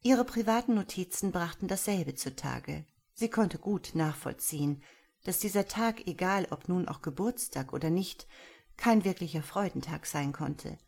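A woman reading a crime novel aloud in a steady, measured way. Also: lowish voice, gravelly. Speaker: audiobook narrator. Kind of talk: scripted crime-novel narration.

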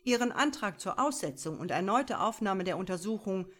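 A woman voicing a composed male prosecutor who talks in a measured, formal and faintly mocking way. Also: medium pitch, animated, lightly acted. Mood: firm.

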